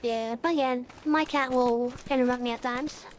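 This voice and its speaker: A woman's voice: high voice, steady tone, normal speed, a little hiss or hum. A streamer in casual, rambling chat with many fillers, her voice run through an AI voice changer. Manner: rambling, chatty, frequent fillers.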